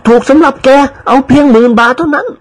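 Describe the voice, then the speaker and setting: Bossy old noblewoman, put on by a man; high, stern, commanding. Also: quick pace. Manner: scolding, commanding. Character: bossy older noblewoman, stern but caring.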